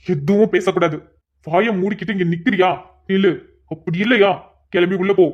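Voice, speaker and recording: A woman's voice: lowish voice, natural voice. A woman voicing an angry, domineering young husband who gives harsh orders in a cartoon, on a dull lo-fi recording. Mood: furious. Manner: commanding, harsh, rapid. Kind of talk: cartoon voice acting.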